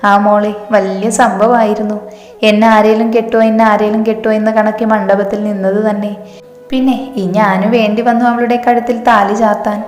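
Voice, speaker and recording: A woman voicing a calm, protective young husband who speaks steadily and teases gently. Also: medium pitch, moderate pace, lightly acted. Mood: calm firm. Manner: steady, teasing. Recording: roomy reverb, faint music.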